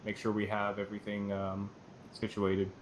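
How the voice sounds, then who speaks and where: A man's voice: monotone, normal speed, poor audio. A man giving a tactical briefing to his squad over game voice chat. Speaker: player leading a squad in a military sim. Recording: rumbly game voice chat, faint noise.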